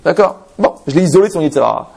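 Male rabbi, lively storyteller with a raised voice and a rough, fry-laden edge. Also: a little high, rapid-fire. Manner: lively storyteller, rhetorical questions, frequent "d'accord?". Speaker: rabbi teaching a religious talk. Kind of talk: anecdotal religious talk to an audience.

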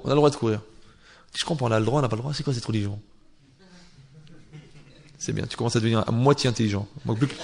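A man teaching a Torah class who argues with imagined objections and swings from quiet asides to loudly recited Hebrew verses, with a teasing tone. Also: mid-range voice, vocal fry. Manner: joking, teasing tone with listeners. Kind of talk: Torah class to a live audience.

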